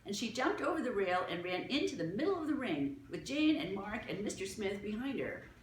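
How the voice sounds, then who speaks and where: A woman reading a children's novel aloud with expressive storytelling. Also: mid-range voice, fairly quick, slight background noise. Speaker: reader. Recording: echoey room.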